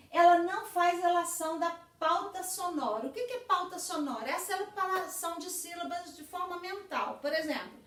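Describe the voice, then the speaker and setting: A woman teacher with a high-pitched, slightly bright voice gives a recorded lecture explaining the stages of literacy. She explains patiently and often checks in with tag questions, her voice distant from the mic in an echoey room.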